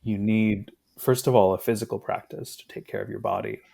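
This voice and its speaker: A man in his thirties, a guest in a casual conversation, talking in a reflective, unhurried way with fillers. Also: lowish voice, steady tone, gravelly, dark tone.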